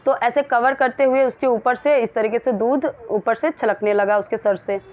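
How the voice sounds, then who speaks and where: A woman teaching English. She explains each phrase in Hindi, repeats and rephrases, and reads the English sentences slowly, word by word. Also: on the high side. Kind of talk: explaining a lesson. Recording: dull lo-fi sound.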